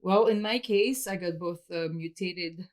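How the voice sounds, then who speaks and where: A woman originally from Switzerland talks openly in an interview. Her voice sits a bit low for a woman. She explains things step by step in a candid, matter-of-fact way. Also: unhurried. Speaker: interview guest.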